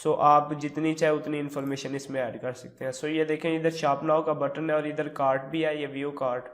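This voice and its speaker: A man with a sore throat giving a relaxed, step-by-step screen tutorial, mixing English words into his explanations. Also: fairly high pitch, a little fast. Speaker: tutorial host. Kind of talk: screen-recorded tutorial walkthrough.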